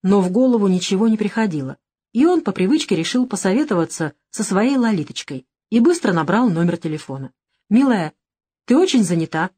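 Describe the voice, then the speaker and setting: Woman reading an audiobook, measured and even, middle pitch. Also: husky. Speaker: audiobook narrator. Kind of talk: scripted narration.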